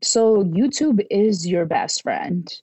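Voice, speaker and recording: In a laid-back podcast conversation, this twentysomething guest gets lively, reenacting other people's words and cursing now and then. She speaks slowly at a medium pitch, her voice slightly rough, with no echo.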